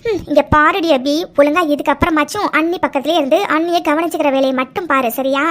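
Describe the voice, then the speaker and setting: A woman voicing a sly, bossy middle-aged aunt in a cartoon, in a low scolding tone. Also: fairly even intonation, quick pace, fairly bright tone. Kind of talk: cartoon dubbing.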